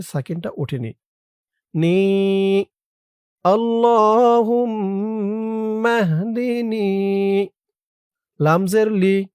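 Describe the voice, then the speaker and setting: Quran teacher, syllable-by-syllable spelling, slow drawn-out recitation, smooth and resonant voice, dry close sound. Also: darkish tone, dry recording. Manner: quick, lower asides explaining pronunciation rules. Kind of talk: online Quran recitation lesson.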